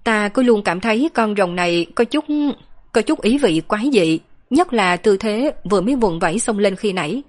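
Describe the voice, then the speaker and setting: A woman voicing a lively, playful young girl in an audiobook, chattering and teasing. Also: mid-range voice, normal speed, lightly acted. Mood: musing.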